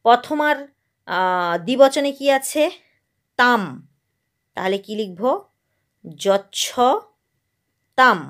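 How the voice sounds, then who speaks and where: A woman's voice: sits high, fairly bright tone. A woman from West Bengal teaching a Sanskrit grammar lesson, asking her own questions and drilling verb forms.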